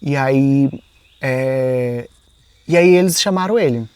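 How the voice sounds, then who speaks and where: A man, a podcast guest, telling an emotional personal story in a soft-spoken way that often trails off, with many small fillers and re-enacted quotes of his own past words. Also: medium pitch, takes it slowly, clean tone, no echo.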